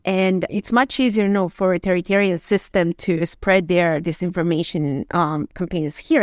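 A woman's voice: medium pitch, dry recording, clean studio sound. A woman giving emphatic, insistent answers as an expert guest in an interview. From Eastern Europe. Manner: emphatic, insistent, with frequent "you know" and "like". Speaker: expert guest on propaganda and disinformation. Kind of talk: interview answers, argumentative commentary.

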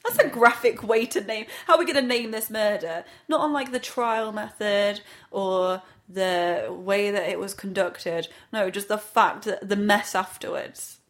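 A woman with vocal fry, bantering casually as a podcast co-host. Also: mid-range voice, measured pace, hardly any pauses.

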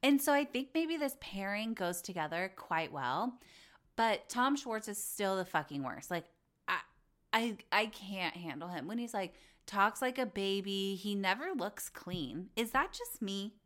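A woman's voice: mid-range voice, expressive, fairly bright tone. Gossipy woman ranting about reality TV. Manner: gossipy and opinionated, with quick mocking impressions. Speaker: podcast host recapping reality TV. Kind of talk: casual chat.

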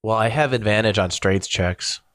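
A man playing a tabletop game, excitable and swearing as he adds up his dice rolls. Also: on the low side, normal speed, dry recording, studio quality. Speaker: player. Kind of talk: casual tabletop game play.

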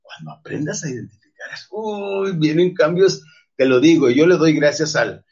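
A middle-aged motivational speaker with a Mexican Spanish accent urges his listeners to forgive, calling them "campeones" in an emphatic, preachy style. His voice is fairly high and breathy with a darkish tone, and he speaks at a normal pace. The lo-fi recording sounds dull.

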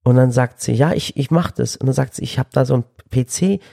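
A young man with a gravelly, mellow voice tells a story in a casual chat. He rambles and restarts as he acts out the dialogue he quotes. His pitch is average for a man. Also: brisk.

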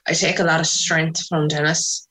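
A woman with a west of Ireland accent recounting personal memories in an interview, reflective and pausing softly as she goes. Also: sits low, flat delivery, low-quality recording. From Sligo, west of Ireland.

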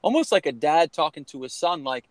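Candidly telling his story in a podcast conversation, a Connecticut-born man of about forty who once played college baseball speaks with animation and a slightly fast pace. He is earnest but meandering, circling back with "you know," and his voice runs a little high; the sound is close-miked and dry.

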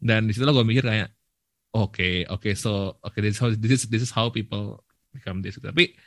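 A young man, co-hosting a podcast in relaxed, rambling chat mixed with English phrases. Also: lowish voice, normal speed, no echo. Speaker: podcast co-host. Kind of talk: casual chat.

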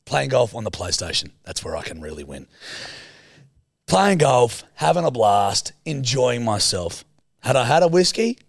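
Man, broad Australian accent, lively swooping pitch, creaky edge, blunt sweary slang, comic podcast storytelling. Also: normal speed, dry recording, studio quality. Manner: animated, exasperated storytelling. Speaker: podcast co-host. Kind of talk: casual comic chat and storytelling.

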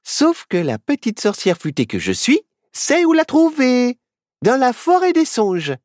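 A woman voicing a clever, cheerful little girl witch who speaks in excited exclamations in a children's storybook. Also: on the high side, a little slow, dry recording, clean studio sound, voice pushed up.

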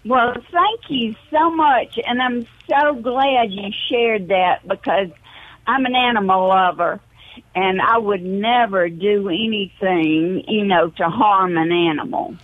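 A woman speaks over the phone as a caller to a radio show. She talks slowly and graciously. Her voice comes through a thin, narrow telephone line. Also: medium pitch. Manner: gracious and thankful.

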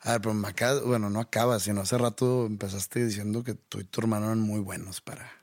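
A man's voice: lowish voice, little pitch movement, quick pace, a little mellow, no room sound, clean studio sound. A man with a northern Mexican accent, chatting casually and playfully. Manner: laid-back, playful, mimics accents. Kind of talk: casual chat.

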